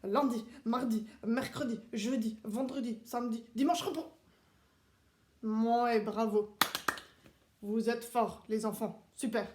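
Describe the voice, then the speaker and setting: A man's voice: very high voice, fairly even intonation, slow pace, darkish tone, slight background noise. A man playing a strict male Swiss soldier who teaches children with clipped, barked commands, recorded in a roomy space. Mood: drilling. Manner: barking commands, clipped and precise. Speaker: stand-in teacher. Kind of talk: playful classroom role-play. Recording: roomy echo.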